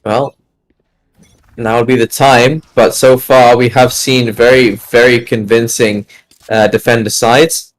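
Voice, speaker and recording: A man co-casting a live esports match, giving steady, analytical breakdowns of strategy and plays. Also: medium pitch, measured pace, rough recording. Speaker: esports co-caster. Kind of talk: live game commentary and analysis.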